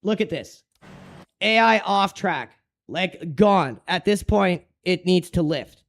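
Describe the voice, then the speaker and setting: High-pitched, creaky-voiced frat-bro gamer guy. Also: animated, slow pace, fairly bright tone. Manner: frat-bro slang, swearing, exasperated ranting. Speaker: gaming streamer. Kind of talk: casual video game commentary.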